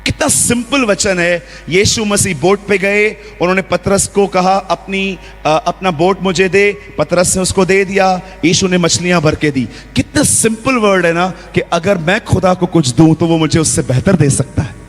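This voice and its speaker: A man preaching a lively sermon in a church, acting out quotes and scenes as he goes. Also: high-pitched, a little slow, hardly any pauses, faint music behind. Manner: lively preaching with acted-out quotes and role-play. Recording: long hall reverb.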